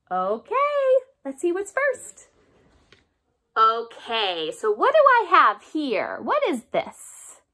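A woman in her thirties leading a music lesson for young children, speaking in a broad, theatrical singsong with animated questions and encouraging call-and-response. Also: sits high. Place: small home room, indoors. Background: acoustic guitar she plays.

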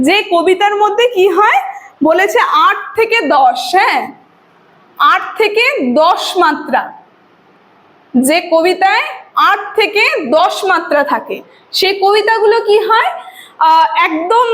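A woman teacher giving an online lesson, explaining step by step, dictating definitions for students to write down and often checking with "okay?". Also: very high voice. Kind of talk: online lecture.

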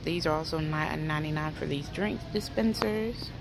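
A shopping vlogger with a deep voice and vocal fry talks at normal speed over music, holding her phone camera as she walks a large indoor store. Her haul narration is chatty and practical, listing sale prices, with store ambience in the background.

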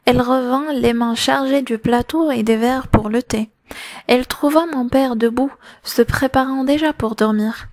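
High-voiced woman reading a novel aloud. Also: normal speed, a little mellow, no echo, studio quality. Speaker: audiobook narrator.

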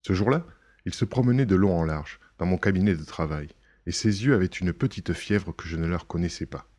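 A man narrating an audiobook in a measured, steady reading. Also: low voice, no echo. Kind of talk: scripted narration.

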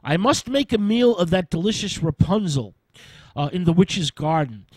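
A man's voice: sits high, animated, normal speed, dry recording, low-quality recording. A man voicing a young wife in a fairy tale who craves a forbidden herb, speaking with pleading longing. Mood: desperate. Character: craving, desperate young wife.

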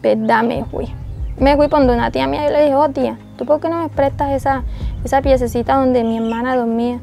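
A woman's voice: high voice, fairly even intonation, fairly quick, gravelly, mellow, faint music behind. A young woman telling her own hard story in an interview, acting out the lines of the people in it. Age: young adult. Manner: recounts dialogue, acting out voices of others. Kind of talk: emotional personal testimony.

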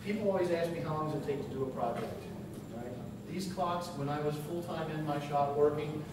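A man's voice: fairly high pitch, brisk. Plainspoken man teaching in an echoey hall. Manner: easygoing, practical, plainspoken. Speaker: woodworking instructor. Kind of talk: answering audience questions. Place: large conference room with audience. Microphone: far camera. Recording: echoey hall, far mic, room noise.

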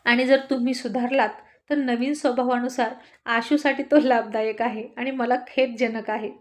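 A woman's voice: on the high side, steady tone, moderate pace, natural voice. A woman storyteller voicing a shy, giggly young wife who scolds her husband playfully. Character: laughing, bashful young wife.

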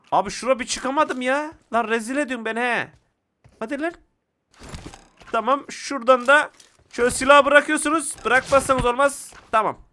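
A young man giving excitable, casual commentary to viewers while playing a mobile shooter game. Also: extremely high pitch, a little hiss or hum.

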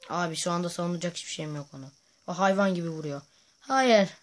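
A male gaming host giving playful, excitable commentary over his own gameplay, often chanting silly repeated sounds. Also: on the high side, rapid-fire.

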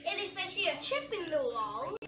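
A performer voicing a strict mother who scolds flatly. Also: extremely high pitch, normal speed, noisy background. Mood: stern. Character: strict mom.

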